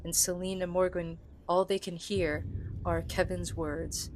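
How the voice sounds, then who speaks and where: A woman's voice: on the low side, flat delivery, a little slow, slight background noise, rough recording. A woman hosting a solo tabletop role-playing game, narrating the story and commenting casually. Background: soft music.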